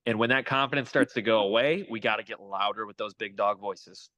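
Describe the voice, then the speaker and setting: Upbeat young man giving a bright pep talk. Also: on the low side, fairly quick, dry recording, low-quality recording. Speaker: guest hitting coach. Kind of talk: casual podcast interview.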